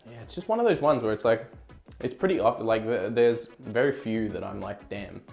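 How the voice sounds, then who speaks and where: A man's voice: mid-range voice, animated, a little fast, gravelly, darkish tone, faint music behind. An Australian man giving a casual whiskey review, rambling a little as he searches for words. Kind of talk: casual tasting chat.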